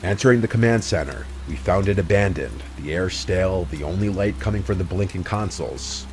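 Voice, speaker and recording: A man with a low voice reads a horror story in a measured, brooding way. Faint ambient sound sits behind him. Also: slight background noise. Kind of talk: scripted horror narration.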